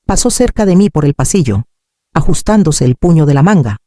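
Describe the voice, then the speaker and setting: A woman narrating a scripted story in a calm, measured way. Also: deep voice, dry recording, clean studio sound.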